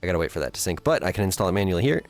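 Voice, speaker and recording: A man's voice: low voice, sing-song, very fast, soft background music. A man streaming live, chatting casually with viewers and thinking aloud as he builds.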